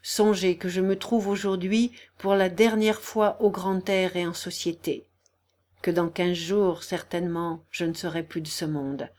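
A woman reading an audiobook, voicing a dying young man who speaks quietly, hoarse and weary. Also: lowish voice, little pitch movement, unhurried, lightly acted. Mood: soft, weary. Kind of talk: audiobook character voice.

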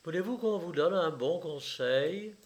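A young man speaks with cold, unshaken calm, as a male reader voices him. His delivery is measured and slow, slightly high in pitch. He never raises his voice.

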